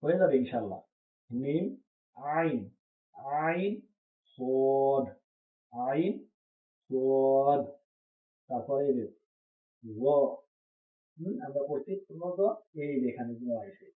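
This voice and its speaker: Over a thin, phone-like line with hollow echo, a mid-range male voice teaches Quran reading patiently. He goes through the letter names one by one, repeating each pair slowly and pausing with questions to confirm understanding.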